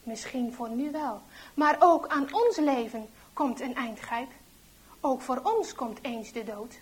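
A woman voicing a calm, earnest young man explaining his faith. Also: high-pitched, takes it slowly, slightly rough, full character voice.

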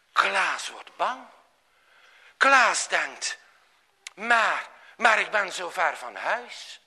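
Expressive, high-voiced male storyteller. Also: vocal fry. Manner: dramatic, expressive reading. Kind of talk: storytelling narration.

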